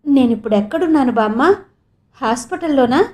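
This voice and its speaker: A woman's voice: high voice, lively intonation, brisk, a little mellow. A woman reading an audio novel voices a frail young woman who talks in weak, anxious, pleading questions. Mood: relieved. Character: frail young woman waking dazed and frightened.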